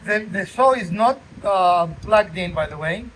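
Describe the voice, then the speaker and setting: Man, high-pitched, informal DIY demonstrator, joking and checking in often, phone video with faint noise. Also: lively intonation, unhurried, a bit bright, rough recording. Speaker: co-host demonstrating a DIY repair. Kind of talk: casual how-to chat.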